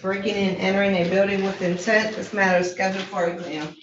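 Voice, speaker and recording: A woman working as a court clerk, calling a case in a flat, measured voice, heard on a courtroom recording. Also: mid-range voice, slight background noise. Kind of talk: formal case call. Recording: echoey, distant, dull courtroom recording.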